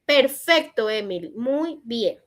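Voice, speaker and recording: A woman teaching an online English class in Spanish, reading out student answers and gently correcting them. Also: on the high side, expressive, slow pace. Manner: encouraging corrections in a patient teacherly tone. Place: online session.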